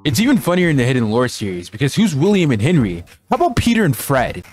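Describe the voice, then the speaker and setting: Male commentary host; quick, lively, mid-pitched, casual and wryly joking. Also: soft background music. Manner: slangy, sardonic, joking. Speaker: video essay host.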